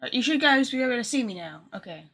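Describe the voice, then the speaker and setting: Talking fast with lively intonation, a woman who streams games chats casually to her audience, rambling and making self-deprecating jokes. Her voice is a little high and fairly bright, and soft background music plays.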